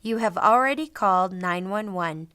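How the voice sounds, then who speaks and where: Smooth-voiced female training presenter. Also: medium pitch, normal speed, pushed and bright, no room sound, clean studio sound. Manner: clearly enunciated, instructional. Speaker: instructor, presenter. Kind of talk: scripted training demonstration narration.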